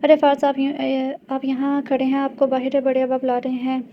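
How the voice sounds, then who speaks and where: A woman's voice: sits high, completely flat delivery, fairly quick, lo-fi sound, slight background noise. A woman reading the part of a sweet, innocent young girl in a romance audio novel, with a coaxing manner.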